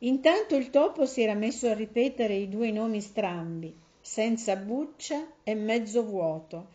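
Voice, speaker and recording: A woman narrating a fable in a calm, measured storybook reading. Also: on the high side. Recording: slightly dull lo-fi recording.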